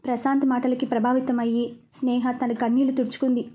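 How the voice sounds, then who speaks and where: A woman narrating a romantic story in a calm, even storytelling manner. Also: fairly high pitch, a little fast. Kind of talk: scripted narration.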